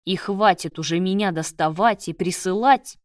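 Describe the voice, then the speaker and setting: A woman reading the part of an angry male head surgeon who shouts and scolds. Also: on the low side, moderate pace, no room sound, clean studio sound, distant mic, close to an everyday voice. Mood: snapping.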